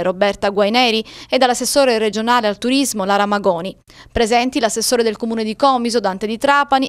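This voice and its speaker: A woman's voice: a little high, a little hiss or hum. A woman narrating a news report in a formal style.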